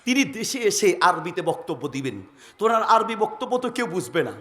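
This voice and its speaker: A man from Bangladesh giving a humorous sermon, rhythmic and animated, often rising to a shout. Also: sits high, brisk. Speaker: Islamic preacher.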